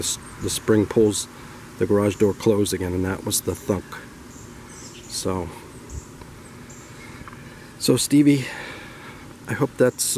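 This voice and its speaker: A man tells a homespun story in a relaxed, rambling way, his voice sitting a little low. Steady noise runs behind him on a homemade recording. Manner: folksy, rambling. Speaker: storyteller vlogger. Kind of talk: casual storytelling.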